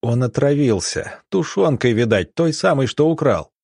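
A man voicing a calm, composed young country doctor speaking matter-of-factly. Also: mid-range voice, moderate pace, creaky, slightly rough, no echo, studio quality, voice pushed up. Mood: urgent.

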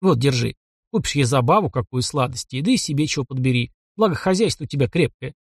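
A man's voice: mid-range voice, animated, fast, husky, no room sound, clean studio sound. A man voicing a wounded young village man who speaks bluntly and matter-of-factly.

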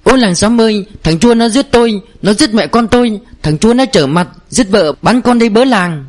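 A man's voice: animated, normal speed. Man voicing a wailing, defiant peasant mother. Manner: wailing, high-pitched pleading. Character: distraught peasant mother, middle-aged, defiant.

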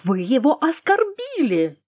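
A woman voicing an angry middle-aged lady's maid who scolds in a loud, shrill voice. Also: wildly swooping pitch, measured pace, dry recording, clean studio sound, heavily acted. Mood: outraged.

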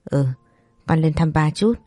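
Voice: mid-range voice, measured pace, darkish tone, no echo, soft background music, natural voice. The narrator voicing a stern older wife and mother who talks in a curt, bossy way. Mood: plain.

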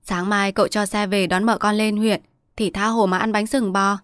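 A woman's voice: medium pitch, flat delivery, moderate pace, no echo, studio quality, close to an everyday voice. A woman storyteller voicing a district chief's wife, an indulgent mother who coaxes her child and bosses her servants. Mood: coaxing. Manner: coaxing, bossy to servants.

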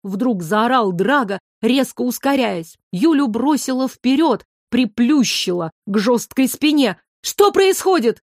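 A woman with a fairly high voice reads a story aloud in steady, expressive narration. The recording is dry and close, with no room sound at all. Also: measured pace, few pauses, no echo. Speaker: audiobook reader. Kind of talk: scripted narration.

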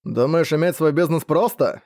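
A man's voice: a little high, brisk, darkish tone, no room sound, natural voice. A man voicing a mocking, provocative middle-aged father in an audiobook.

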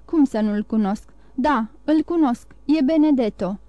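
A woman's voice: high-pitched, warm tone, no room sound, muffled recording, natural voice. A woman voicing a dying, wounded male ex-convict who pleads and gasps for help, in an audiobook reading. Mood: pleading. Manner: pleading, gasping cries for help.

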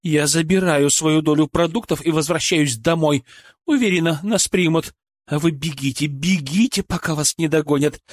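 In this audiobook, a man's natural voice, raised a little above his own pitch, portrays an angry, bitter woman, once a shop clerk and a mother, harshly hurling accusations and insults in fury. He reads at normal speed. The recording is clean studio audio and dry.

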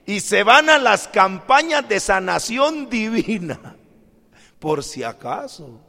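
Slow-preaching man in a reverberant hall. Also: sits high, big pitch swings, vocal fry. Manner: acts out little dialogues, swings from loud outbursts to quiet asides. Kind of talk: sermon.

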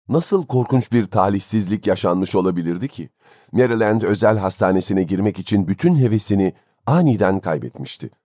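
A man reading a story aloud as an audiobook narrator, in a measured, expressive way. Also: low voice, no room sound, studio quality. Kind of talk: scripted narration.

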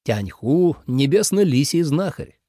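A man's voice: medium pitch, big pitch swings, normal speed, darkish tone, dry recording, studio quality. A man reading an audiobook voices a proud male celestial dragon with a pompous, haughty manner.

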